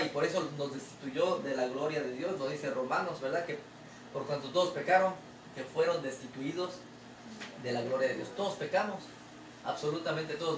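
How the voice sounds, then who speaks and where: A man pastor delivers a sermon in a chatty, conversational style, peppering it with rhetorical questions and addressing the listener as brother. His voice sits a bit high for a man. It is picked up by a mic some distance away in a roomy, echoing church with a faint ambient hush behind him. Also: a little hiss or hum. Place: church sanctuary.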